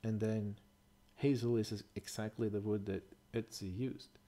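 Middle-aged guy doing a chill explainer voice-over, kinda warm and dark sounding, thinks out loud with lots of uhs. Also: lowish voice, level tone, a little slow. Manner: thoughtful, hesitant, with fillers and self-corrections. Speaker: bushcraft presenter. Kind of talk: casual explanatory voice-over over slides.

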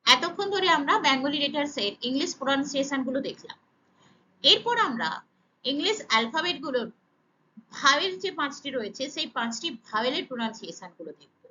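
High, bright-voiced woman teaching slowly. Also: lively intonation, muffled recording, a little hiss or hum. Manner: spells out letter sounds one by one, drawn-out and emphatic. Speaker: English pronunciation teacher. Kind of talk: slow, deliberate pronunciation lesson.

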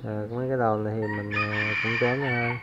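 A man's voice: medium pitch, very fast, lo-fi sound, heavy background noise. A man hosts a fishing channel and gives a casual hands-on tutorial, counting aloud as he works. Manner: relaxed, counting aloud while working.

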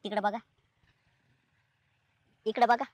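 A woman's voice: mid-range voice, little pitch movement, slow pace, darkish tone, no room sound, natural voice. A woman playing a sly young village boy who stammers out excuses in a comedy skit. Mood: evasive.

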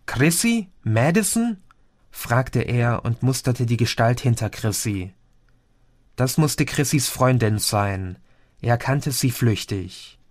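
A man reading an audiobook aloud in a steady, measured way. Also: medium pitch, no echo, clean studio sound. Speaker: audiobook reader. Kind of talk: scripted audiobook narration.

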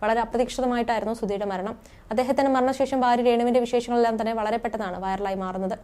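A young woman narrates a scripted news segment at a rapid clip. Her voice sits a little high, and her reading stays brisk and even from line to line.

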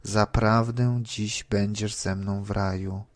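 Dying forgiving man, solemn and quiet, read by a man, slow, low and even. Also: no room sound.

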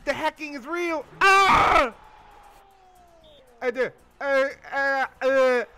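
A man giving casual, excited commentary while playing a video game, playful and silly, often bursting into yells. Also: extremely high pitch, extremely slow, soft background music. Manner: playful silly sound-making and chanting.

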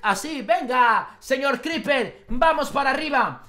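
A young man with a Spain Spanish accent giving excitable let's-play commentary, bursting into shouts and laughter. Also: very high-pitched, a little slow. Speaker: gaming YouTuber.

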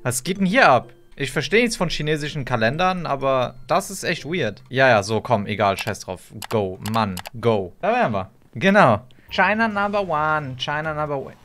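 A young man streaming an online role-play game, commenting loudly and playfully, often switching into mock-dramatic shouts. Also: medium pitch, expressive, moderate pace, hardly any pauses. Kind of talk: loud playful gaming commentary.

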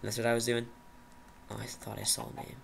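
A man's voice: mid-range voice, monotone, brisk, gravelly, a bit bright, a little hiss or hum. A nervous young man rambling to himself while commentating a survival game he is playing. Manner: jittery, rambling, talks to himself. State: nervous, shaky. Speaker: gaming channel host. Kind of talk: Minecraft commentary.

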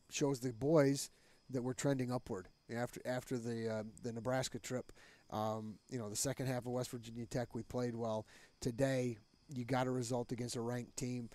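The speaker is a middle-aged head soccer coach giving a candid, conversational postgame interview with frequent fillers, using a headset mic in a small green-backdrop studio. His voice is medium in pitch and darkish in tone, without echo.

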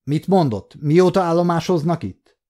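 A man voicing a furious, aggressive human prisoner who talks in shouting, breathless outbursts, in a storybook reading. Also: a little high, very animated, pitched above the performer's own voice.

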